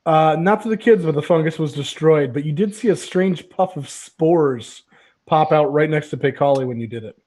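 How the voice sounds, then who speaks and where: A man's voice: a little high, moderate pace, a little mellow. A man acting as game master, explaining rules and outcomes to players in a playful, teasing way on a live stream. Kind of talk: narrating a tabletop game. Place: home studio, live stream.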